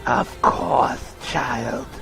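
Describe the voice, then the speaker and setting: A man's voice: medium pitch, creaky, exaggerated voice. A man playing a serpent wizard king in a fantasy audio drama, falsely fatherly and commanding, with menace beneath the kindness. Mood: feigned kindness. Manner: slow, benevolent and familiar, commanding. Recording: loud music under the voice.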